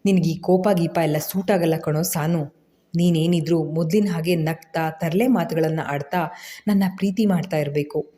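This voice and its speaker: A woman reading the part of a tender, earnest young husband in an audio story, speaking softly and pleadingly. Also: sits low, fairly even intonation, normal speed, natural voice.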